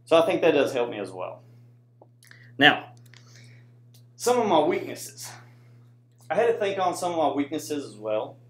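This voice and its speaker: An American man with a fairly high, sing-song, slightly bright voice gives an informal classroom presentation with slides, speaking unhurriedly and pausing often. He's a student presenter and soldier who talks conversationally to the audience in an indoor room, often checking in with "right?" tags. The echoey room colors the recording.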